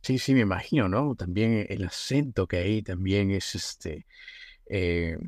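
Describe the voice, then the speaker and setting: A male podcast host conducts a casual interview, rambling, rephrasing, and often tacking on the tag question "¿no?". His deep, darkish voice keeps a measured pace, recorded clean in a studio with no room sound.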